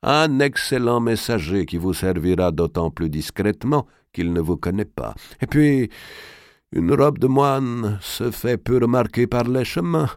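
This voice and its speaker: A man reading an audiobook and voicing a shrewd, calm older banker who talks in an unhurried, reassuring way. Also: medium pitch, no room sound, studio quality, voice pushed up.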